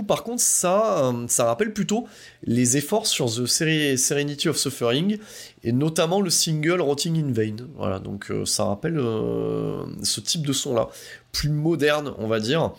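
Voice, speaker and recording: A man's voice: medium pitch, gravelly. A man giving a casual spoken album review, hesitant with lots of fillers and restarts, but enthusiastic and informal. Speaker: music reviewer.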